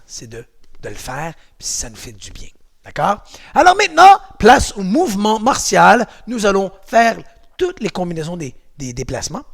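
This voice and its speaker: A man's voice: high voice, creaky. A man with a Québécois accent, leading a home exercise and martial arts class in a chatty, encouraging, playful way. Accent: Québécois French.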